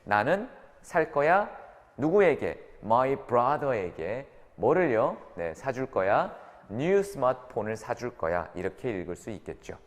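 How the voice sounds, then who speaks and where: Speaking slowly in a sing-song, mid-range voice, a man leads an English grammar lesson for his students. Short tag questions let him check in often, and his voice reverberates around the lecture room.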